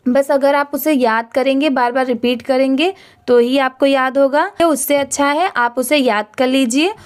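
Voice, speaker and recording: A woman teaching English reading who spells words letter by letter and then blends them, explaining patiently and with encouragement. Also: high voice. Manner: patient, encouraging explanations with many rhetorical questions.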